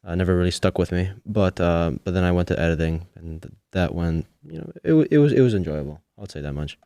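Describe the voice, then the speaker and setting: Low-voiced man asking rambling questions. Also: expressive, fast, vocal fry, warm tone, no room sound, clean studio sound. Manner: searching for words, asks long questions. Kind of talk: casual interview chat.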